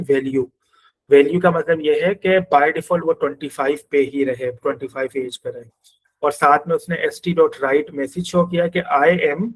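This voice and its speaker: A man's voice: on the high side, low-quality recording. A man with a Pakistani Urdu accent teaching a coding class, explaining each step and thinking aloud as he works through code on screen. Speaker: programming teacher.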